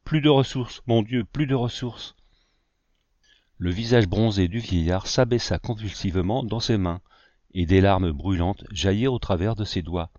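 A man reading a novel aloud in a measured, literary narration. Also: fairly low pitch, darkish tone, no room sound, lo-fi sound. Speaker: audiobook reader. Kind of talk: scripted narration.

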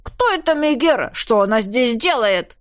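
A woman reading an audiobook voices a shaggy, boozy male forest spirit. His hoarse voice is whiny and pleading, pitched fairly high and heard close and dry. He sounds timid rather than fierce. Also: very animated, normal speed, no echo. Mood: frightened. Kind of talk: audiobook character voice.

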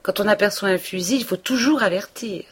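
A woman's voice: mid-range voice, a little fast, husky, voice pushed up, natural voice. A woman reading a novel aloud, voicing a male village tax collector who speaks curtly and slyly. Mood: chatty. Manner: curt and sly.

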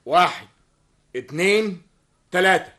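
A man's voice: sits high, lively intonation, a little slow, bright, forceful tone, full character voice. A man voicing a clever, confident man who sets a trap to expose a thief, in an Egyptian accent, in a radio drama. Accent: Egyptian Arabic. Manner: confident, commanding counts. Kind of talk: vintage radio drama acting.

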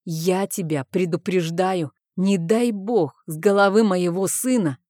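A woman's voice: fairly low pitch, a little slow, warm tone, dry recording, clean studio sound, natural voice. A woman reading the part of an angry young father who barks threats down the phone in an audiobook. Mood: furious. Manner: barking, threatening.

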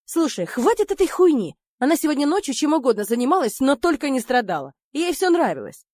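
A loud, crude man who mocks and swears his way through every line, as a woman narrator puts him on. His voice rides high and pushy, cutting through a dry, close recording. He keeps sneering at his friend. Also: big pitch swings, brisk, no echo. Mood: jeering. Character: brash crude foul-mouthed man, pushy and mocking.

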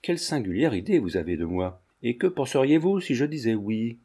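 A man reading the lines of a poised, sharp-tongued countess, cool and guarded. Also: medium pitch, lively intonation, brisk, husky.

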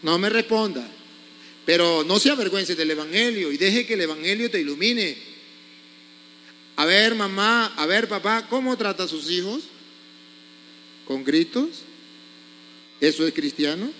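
A man's voice: sits high, lively intonation, measured pace, pauses often, bright, forceful tone, long reverb tail, a little hiss or hum. A priest preaching a sermon, scolding his congregation with pointed rhetorical questions.

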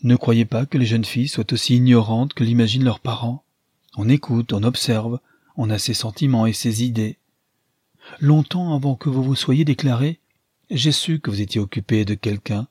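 A man voicing a calm, dignified young society woman in an audiobook, with a soft, earnest, husky voice. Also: mid-range voice, normal speed, no room sound, clean studio sound, close to an everyday voice. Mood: confiding. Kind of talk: audiobook character reading.

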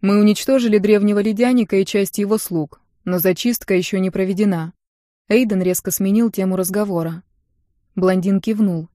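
A woman narrating a fantasy audiobook in the first person, with a measured, expressive reading on a close mic. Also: mid-range voice, no room sound.

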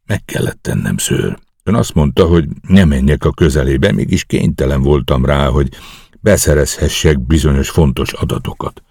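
A man's voice: a bass voice, vocal fry, a little mellow, breathy edge, dry recording, clean studio sound, full character voice. A man reading the lines of an eager young commando officer who earnestly reports a risky night mission to his superiors.

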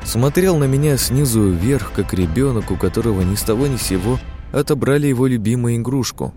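A man reading a novel aloud in first person, steady and measured. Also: mid-range voice, over music. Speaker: audiobook narrator. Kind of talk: first-person scripted narration.

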